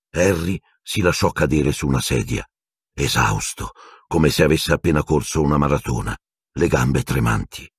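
A man narrating an audiobook in an expressive, dramatic storytelling manner. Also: extremely low pitch, husky, no room sound, studio quality. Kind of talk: scripted narration.

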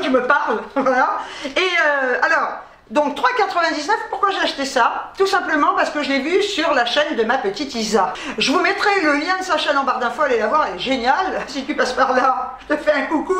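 A woman's voice: high-pitched, bright, forceful tone. A woman chatting casually about her grocery haul, joking and laughing often between filler words. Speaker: vlogger. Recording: echoey room, faint noise.

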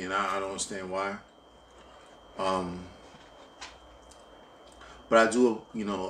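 A man co-hosting a casual couple's chat while eating, talking haltingly with frequent restarts. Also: on the low side, fairly bright tone, a little hiss or hum. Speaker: co-host.

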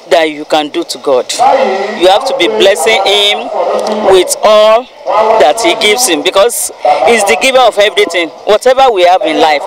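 A middle-aged woman, interviewed at a church harvest, giving measured thanks and quoting scripture into a handheld mic outdoors. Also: medium pitch, rough recording. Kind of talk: on-the-spot interview. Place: outdoors beside a church building.

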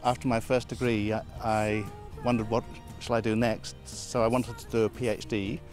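Prof in his 60s, lowish voice, modest, thinks aloud, bit of soft music under him. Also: level tone, moderate pace. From Britain. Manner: modest, thoughtful, with small restarts. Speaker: astronomy professor. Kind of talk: interview answers. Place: outdoors beside an observatory dome on a hill.

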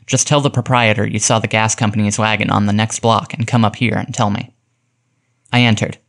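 A man's voice: fairly low pitch, vocal fry. A man narrating a classic detective short story aloud, reading its dialogue with light acting. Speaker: audiobook narrator. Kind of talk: scripted narration.

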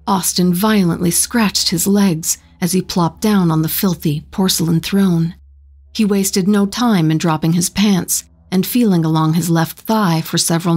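A woman narrating a horror short story in a slow, measured storytelling manner. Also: on the low side, darkish tone, breathy edge.

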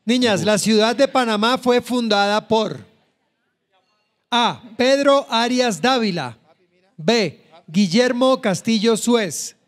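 A man's voice: very high-pitched, takes it slowly. A man co-hosting a TV game show, reading quiz questions in a playful, teasing way.

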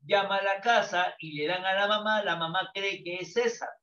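An older Peruvian man lectures a psychology class, asking questions and then answering them himself. His voice sits high and sounds pushed and bright, moving at a moderate pace. The recording is echoey, distant and dull, with a lo-fi quality.

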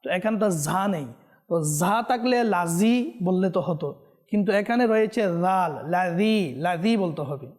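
A man teaching Quran recitation on a televised lesson. He often addresses the viewers directly and stretches words slowly when he demonstrates pronunciation. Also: high-pitched, a little mellow.

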